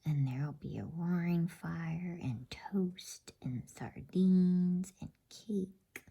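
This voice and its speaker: A woman's voice: lowish voice, slow pace, warm tone, full character voice. Woman whispering as a kindly, courteous storybook faun. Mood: coaxing, hospitable. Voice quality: breathy whisper. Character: kindly male faun, polite, hospitable, coaxing storybook creature.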